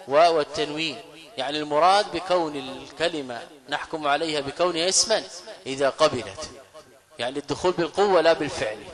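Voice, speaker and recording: A man, a scholar teaching grammar in a classroom lecture, who asks questions and answers them himself and slowly repeats key phrases. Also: on the high side, fairly bright tone.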